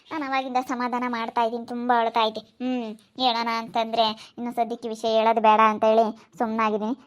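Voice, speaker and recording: A woman's voice: a little high, lo-fi sound. A woman vlogger with a rural Karnataka Kannada accent, chatting to viewers and repeatedly pleading for their support. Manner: pleading, repeats requests to subscribe.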